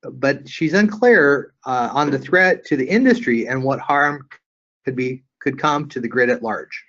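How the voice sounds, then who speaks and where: A man's voice: mid-range voice, animated, fairly bright tone, lo-fi sound. A man moderating a webinar panel, reading audience questions and restarting his sentences often. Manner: halting, repeats words often.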